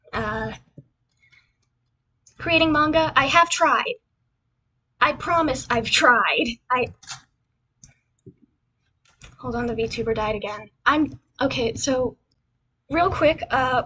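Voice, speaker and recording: Introducing herself as a cute anime-style VTuber, the young streamer chats casually over a slideshow, rambling and self-deprecatingly repeating phrases. Her voice is high and sharp, and the audio quality is poor.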